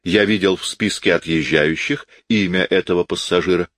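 A man's voice: low-pitched, moderate pace, a bit bright, no room sound. A man voicing a glib, self-assured young cavalry officer for an audiobook, breezy and lightly mocking. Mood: explaining. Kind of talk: audiobook character voice.

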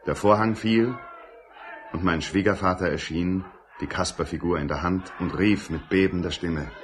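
A man's voice: sits low, moderate pace, a little hiss or hum, natural voice. A man playing a narrator who recounts his family's past in scripted audio drama narration. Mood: grave, wistful.

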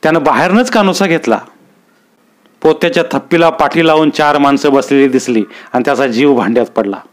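A man reading a village story aloud in a steady, expressive narration. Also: a little high, fairly quick.

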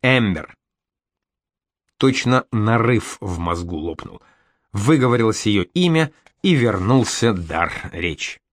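A man narrating a first-person audiobook in a measured, grave manner. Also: lowish voice, expressive, no room sound.

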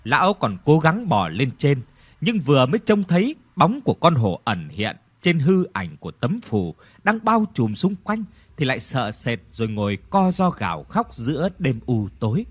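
Husky male ghost story narrator. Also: mid-range voice, moderate pace. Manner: expressive, dramatic storytelling.

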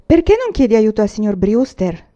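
An eager little girl chimes in helpfully as a woman reads her line. The voice is mellow and warm, and the recording is a little dull. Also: mid-range voice, very animated, brisk, close to an everyday voice. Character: young girl, eager younger sister.

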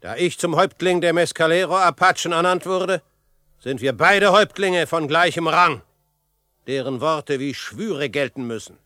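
In a German radio drama, an actor plays a bold, self-assured frontiersman, declaiming in a commanding, formal manner with a proud, threatening mood. His fairly high, bright voice is forceful and moderately paced, recorded with clean studio sound and no room ambience.

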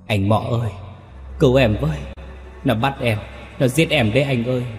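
A man's voice: medium pitch, normal speed, in a large hall, soft background music, voice pushed up, lightly acted. A man voicing the ghost of a murdered young woman who pleads and cries out for help. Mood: desperate wailing.

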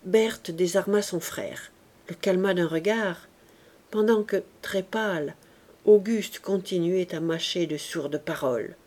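A woman reads a nineteenth-century novel aloud as an audiobook narrator. Her storytelling is clear and expressive, with a steady, attentive delivery. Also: fairly low pitch, takes it slowly. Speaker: audiobook reader. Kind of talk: scripted narration.

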